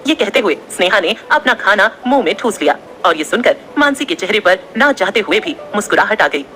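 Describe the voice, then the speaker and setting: A woman narrating an audio story in an expressive, steady storytelling manner. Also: mid-range voice, brisk, a little hiss or hum.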